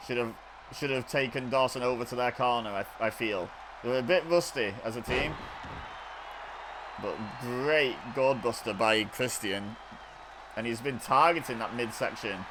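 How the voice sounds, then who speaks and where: A man calling wrestling video game action play-by-play in a chatty, excitable way, often correcting himself. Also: mid-range voice, noisy background. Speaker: gaming video host. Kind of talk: play-by-play commentary over video game footage.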